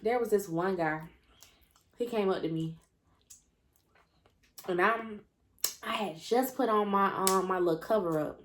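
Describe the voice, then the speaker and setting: A woman's voice: mid-range voice, measured pace, long pauses, a little hiss or hum. A young woman vlogger telling a story while she eats. Her talk is chatty and sassy, she calls her viewers y'all and honey, and she chews between lines. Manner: eats between lines, mouth full of food. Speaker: mukbang vlogger. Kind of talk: casual story time while eating.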